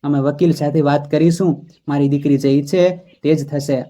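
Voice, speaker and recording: Man voicing a gentle coaxing mother. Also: on the high side, little pitch movement, normal speed, close to an everyday voice. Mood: soothing. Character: caring, soothing middle-aged mother.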